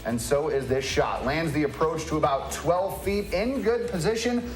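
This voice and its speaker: A man narrating scripted golf highlights as a commentator, with playful, colloquial quips. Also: moderate pace, echoey room, poor audio. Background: music.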